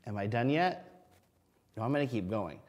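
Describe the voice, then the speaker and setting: A man's voice: mid-range voice, lively intonation, moderate pace, a little mellow. A man teaching a reading lesson to young children, speaking to them directly with simple questions and sounding out words. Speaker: kindergarten teacher.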